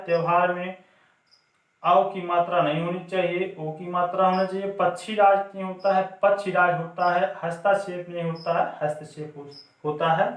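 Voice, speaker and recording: High-pitched male tutor drilling spelling, heard from off-mic in a roomy space. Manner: repetitive call-and-response quizzing. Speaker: Hindi spelling teacher. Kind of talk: classroom lesson. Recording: echoey room, mic at a distance.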